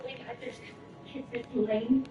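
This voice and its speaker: A woman's voice: on the high side, fairly even intonation, moderate pace, over music, close to an everyday voice. A woman plays an indignant young employee telling off her boss. her voice comes from a distance in a roomy space, the audio dull and lo-fi. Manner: indignant, sharp.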